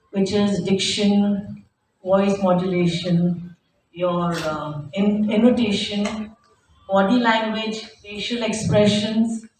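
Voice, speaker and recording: A mature woman delivers formal remarks as a judge, with deliberate emphasis on her points. Her voice is of medium pitch and heard from a distance. The hall is very echoey, with faint noise behind her. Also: a little mellow. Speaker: competition judge giving remarks. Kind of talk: formal public speech.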